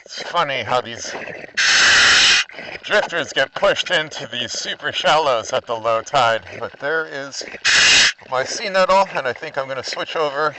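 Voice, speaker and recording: A man scuba diving and vlogging as he talks through a full face dive mask underwater. He talks casually and breaks into squealing, high exclamations when he gets excited. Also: measured pace. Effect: talking through a full face dive mask underwater. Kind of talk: casual underwater vlog narration. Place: underwater in a shallow kelp bay. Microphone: mic inside a full face dive mask. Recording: noisy underwater mask recording.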